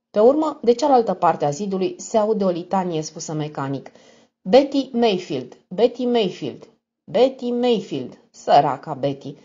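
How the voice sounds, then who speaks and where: A woman narrating a crime novel audiobook in a measured, expressive reading. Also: fairly low pitch, husky. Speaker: audiobook reader. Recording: dull lo-fi recording.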